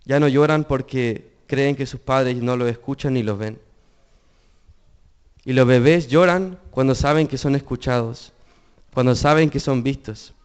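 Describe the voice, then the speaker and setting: A man's voice: mid-range voice, a little slow, smooth. A young man preaching a sermon, earnest, asking the congregation questions.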